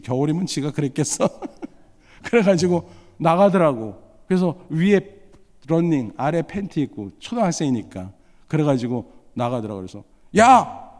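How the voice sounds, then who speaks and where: A middle-aged man preaching a sermon, telling a family story with lively, acted-out lines. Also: a little high. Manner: animated storytelling, acting out his own lines. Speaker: pastor. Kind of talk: sermon with personal anecdote. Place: church sanctuary. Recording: reverberant hall.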